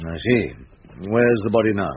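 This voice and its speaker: An actor playing Maigret, an older, calm and wry French police chief, in a British accent and an unhurried radio drama manner. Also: male voice, fairly low pitch, a little hiss or hum, close to an everyday voice. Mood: brisk, reflective. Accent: British English. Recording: muffled vintage radio drama recording.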